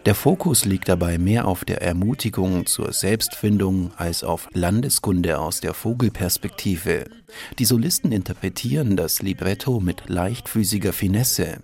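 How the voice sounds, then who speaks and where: A man with a somewhat low voice reads a scripted radio review. His delivery is measured and even. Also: vocal fry. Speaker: radio critic.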